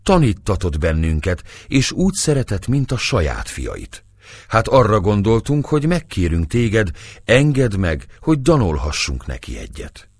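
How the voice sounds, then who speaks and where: A man's voice: fairly low pitch, huge pitch swings, slightly rough, no room sound, pitched above the performer's own voice, heavily acted. Man voicing a humble, persuasive young singer. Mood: earnest. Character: clever young Hungarian man posing as a singer.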